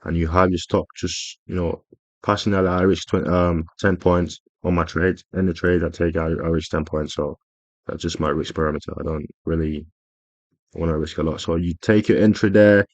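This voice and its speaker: Man, very low voice, casual screen tutorial, rambling fillers, dry dull recording. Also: steady tone, normal speed, no echo. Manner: rambling, frequent fillers and self-corrections. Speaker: trading educator.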